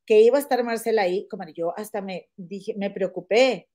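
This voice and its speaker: A woman hosting a casual gossip podcast, chatty and animated, often calling her listener "comadre". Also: medium pitch, brisk. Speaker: podcast host.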